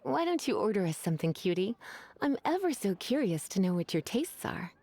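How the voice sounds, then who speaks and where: A woman's voice: medium pitch, very animated, brisk, darkish tone, slight background noise. Flirtatious, lilting witch librarian Lisa. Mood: flirtatious, teasing. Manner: teasing, coquettish, refined. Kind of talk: video game voice acting.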